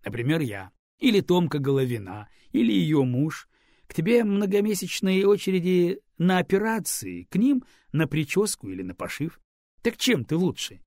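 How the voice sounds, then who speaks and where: A man's voice: a little high, big pitch swings, normal speed, darkish tone, no echo, clean studio sound, pitched above the performer's own voice. A man voicing a teasing, easygoing male engineer with a mocking manner.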